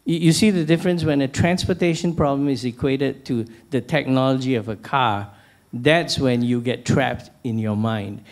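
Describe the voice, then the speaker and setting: A middle-aged man from Malaysia moderates a panel from the stage of a large lecture hall, holding a handheld microphone. He talks in a measured, anecdotal way, often restarting his sentences. His pitch sits in an ordinary middle range. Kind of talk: panel discussion, posing questions.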